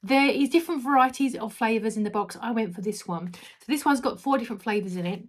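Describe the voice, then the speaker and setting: A woman with a slightly high voice reviews a snack product. She talks casually and enthusiastically, in a chatty promotional style aimed at viewers. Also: fast.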